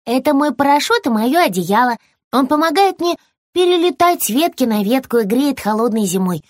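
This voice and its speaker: Женщина изображает возмущённого бельчонка. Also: female voice, animated, normal speed, no echo, studio quality. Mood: indignant. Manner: high, huffy. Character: indignant little squirrel kid.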